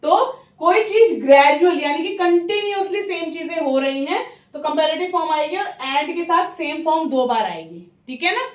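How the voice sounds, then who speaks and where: A woman teaching English grammar, high and light-voiced with an Indian accent and lively intonation, goes through every rule step by step with patience. She often pauses to check on the listener and slows considerably on example words. Her voice is captured in a roomy space by a mic some distance away.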